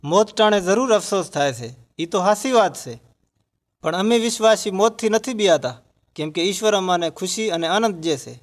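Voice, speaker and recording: A man's voice: high-pitched, expressive, normal speed. A man in a scripted religious dialogue, earnestly explaining his faith to a grieving villager.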